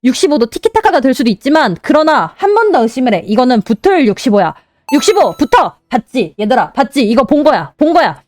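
A young woman streaming a game, commentating excitedly, cheering herself on and mock-calming herself. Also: high voice, fairly quick, no room sound. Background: game music.

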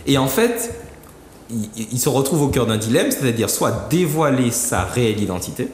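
A man of middle pitch, a guest in a studio, explains a book at length, thinking aloud and restarting his phrases often. His voice sits in a roomy space with a long reverb tail. A faint noise runs underneath. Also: sing-song, normal speed, darkish tone. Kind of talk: explaining a book on a talk show.

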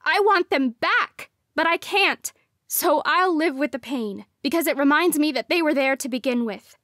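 A frightened, defiant young witch cries out against her tormentor in an audiobook, voiced by a woman narrator. Her voice is raised and fairly high, and the sound is dry. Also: normal speed, fairly bright tone, dry recording. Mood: desperate. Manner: crying out, insistent.

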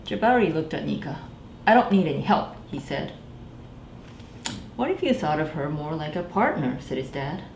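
With a low voice, a moderate pace, and long pauses, a librarian in her thirties reads a picture book aloud to children. She is animated, gives the characters voices, and talks to the children directly; the small indoor library room is echoey, with faint background noise.

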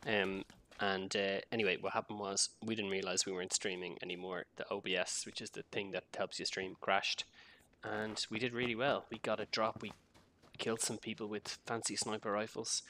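A man, co-host of a game stream, chatting casually in a rambling, joking way. His voice is low and bright. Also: flat delivery, moderate pace, a little hiss or hum.

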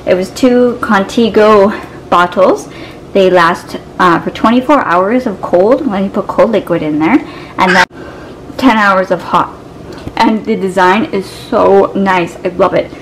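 A Canadian woman in her twenties, with a mid-range voice, chats casually and upbeat in her home kitchen as she lists the items from a grocery haul. She's a vlogger filming handheld on a camera mic, and there's background noise.

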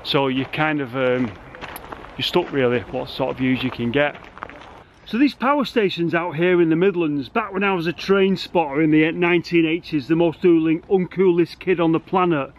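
An excitable middle-aged urban explorer vlogger narrates a casual exploring vlog from inside a huge concrete cooling tower outdoors, rambling enthusiastically and full of exclamations. His pitch is fairly high. He's filmed in handheld selfie framing on a camera mic, and the highs are cut off.

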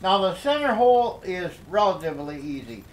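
An older man explaining a workshop project at his workbench, talking slowly with many fillers and restarts. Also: high voice, very animated, low-quality recording. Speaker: DIY workshop instructor. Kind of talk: hands-on workshop tutorial.

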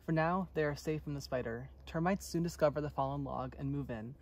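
A young man with a somewhat high voice reads a children's nature storybook aloud at a slightly quick pace; he is an intern on a forest trail. A camera or phone a short distance away picks him up, with faint outdoor noise around.

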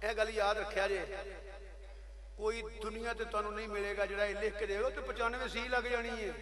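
A man's voice: high-pitched, level tone, brisk, sharp tone. A man with a Pakistani Punjabi accent preaching emphatically to a gathering and urging the crowd to respond. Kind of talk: Punjabi religious speech to a crowd. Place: outdoor religious gathering. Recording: echoey live gathering, crowd audible.

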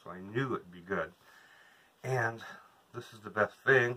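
A man's voice: lowish voice, unhurried, sharp tone. A man in his thirties, a vlogger, chatting casually to a camera across from him inside a small trailer. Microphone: camera a couple of metres away.

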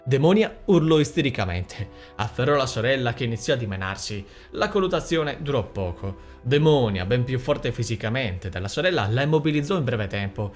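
A man reading a fairy-tale audiobook aloud with expressive storytelling. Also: mid-range voice, brisk, hardly any pauses, soft background music. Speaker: audiobook narrator. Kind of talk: scripted narration.

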